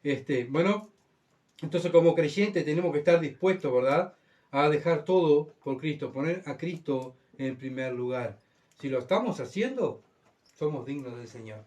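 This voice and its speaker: A man with a Uruguayan accent preaching a sermon as pastor, swinging between loud, urgent outbursts and hushed, low stretches. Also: lively intonation, normal speed, recorded from a distance. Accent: Uruguayan Spanish.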